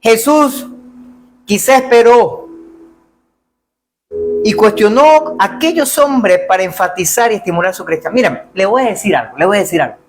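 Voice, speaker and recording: A man preaching a lively sermon, calling out to the congregation and acting out the cries of the blind men. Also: high voice, normal speed, long pauses, low-quality recording. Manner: animated, calls out to congregation, acts out biblical cries. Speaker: pastor.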